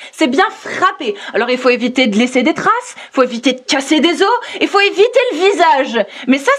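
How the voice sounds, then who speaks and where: Female debate host, very high voice, combative, repetitive, insistent, French street slang. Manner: combative, insistent, repeats herself. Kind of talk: heated live debate.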